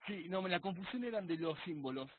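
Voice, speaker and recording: Hesitant student on a tinny video call. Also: male voice, high voice, animated, brisk, husky, no echo. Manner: hesitant, searching for words. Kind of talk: live online class Q&A.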